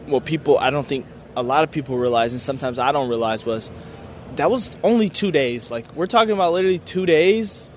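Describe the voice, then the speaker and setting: Excited young man, upbeat and grateful. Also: on the high side, a little fast, a little hiss or hum. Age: young adult. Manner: enthusiastic, grateful, casual with filler words. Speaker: college football player. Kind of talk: media day interview.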